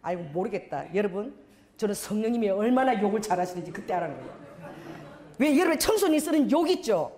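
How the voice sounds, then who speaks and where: A woman's voice: medium pitch, sing-song, fast talker, dark tone. A middle-aged woman pastor preaching a sermon, telling a story and acting out the voices in it.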